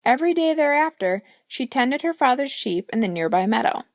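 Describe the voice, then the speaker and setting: A woman's voice: high voice, sing-song, brisk, no echo, studio quality. Playful woman reading an audiobook. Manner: playful, asides to the listener. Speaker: author and audiobook narrator. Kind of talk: audiobook narration.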